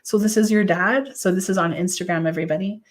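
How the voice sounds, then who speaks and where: A woman's voice: medium pitch, fairly even intonation, quick pace. A woman psychic medium doing a live-stream reading. She gushes affectionately, uses many "like" fillers and answers viewers' comments aloud.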